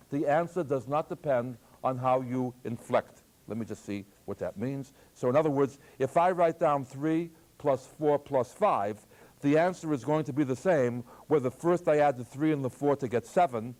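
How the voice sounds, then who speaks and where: An older man, a math professor, giving a lively, joking classroom lecture on algebra. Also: medium pitch. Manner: lively, jokey, plays with voice inflection. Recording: archival taped lecture.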